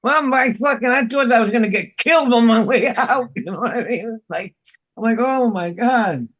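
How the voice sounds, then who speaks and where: A man's voice: very high-pitched, brisk, a bit bright, slightly rough, dry recording. A middle-aged man from the Bronx, a podcast host swearing and laughing through casual stories. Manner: profane, laughing storyteller. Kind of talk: casual chat.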